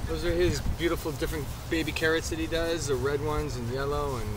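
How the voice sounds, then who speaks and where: A man's voice: on the high side, fairly even intonation, a little fast. A man working as a chef, chatting in a friendly way at an outdoor grill while a camera records him from a few feet away. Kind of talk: casual interview. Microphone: camera mic from a few feet away. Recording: noisy outdoor camera audio. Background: outdoor noise.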